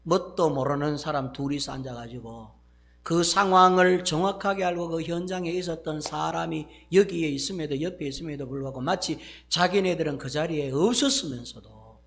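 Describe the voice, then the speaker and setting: Male pastor, Gyeongsang accent, lively sermon delivery with dramatized exclamations, slightly high-pitched. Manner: animated, acts out exclamations, swings from loud to hushed.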